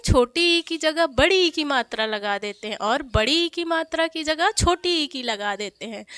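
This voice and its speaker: A young woman with a Hindi accent, teaching children with slow, clearly enunciated speech and repeating each word for them to echo. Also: on the high side, fairly bright tone. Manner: drawn-out spelled sounds, repeats words for children to echo.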